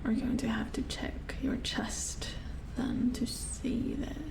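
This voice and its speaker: This ASMR roleplay has a woman voicing a watchful, mildly uneasy robot repair engineer, her breathy whisper murmuring hesitantly through the work. A little high and level in tone, she goes slowly in a full character voice, coming across as worried and puzzled.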